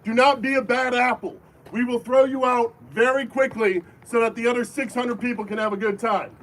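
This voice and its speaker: High-voiced man addressing a crowd outdoors, firm and commanding, heard from a distance with faint noise. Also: fairly even intonation, brisk, a bit bright. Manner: firm, call-and-response, commanding. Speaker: airsoft event briefing leader. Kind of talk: safety briefing to a crowd. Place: outdoor airsoft field.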